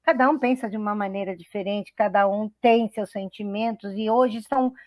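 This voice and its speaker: In studio-quality audio with no echo, a middle-aged host from São Paulo state, Brazil, speaks a little fast in a mid-range voice with fairly even intonation. She runs her web radio talk show chattily and enthusiastically, laughing easily and restarting sentences often.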